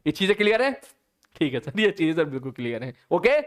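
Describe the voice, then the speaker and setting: A man's voice: on the high side, sing-song, fast talker. A man teaching a live online physics class, chatty and teasing, talking to his students informally.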